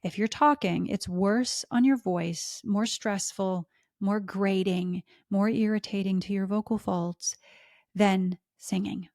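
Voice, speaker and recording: A middle-aged woman hosting a podcast, talking smoothly and melodically as she coaches listeners through exercises. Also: medium pitch, steady tone, takes it slowly, darkish tone, dry recording, studio quality. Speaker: podcast host. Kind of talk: instructional podcast talk.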